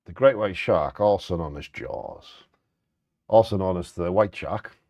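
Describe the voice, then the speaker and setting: Low, mellow man reading facts aloud. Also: a little slow, no echo.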